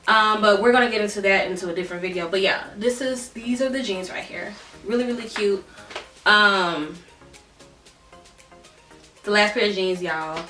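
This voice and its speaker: A young woman with a bright, tense voice chats casually as she tries on clothes, dropping fillers and "y'all" as she goes. She is tired and out of breath. She sits back from the mic in her bedroom, which sounds roomy, with faint music underneath. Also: mid-range voice, normal speed, long pauses, distant mic. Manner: chatty, many fillers, says "y'all". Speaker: vlogger. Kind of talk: casual try-on haul chat.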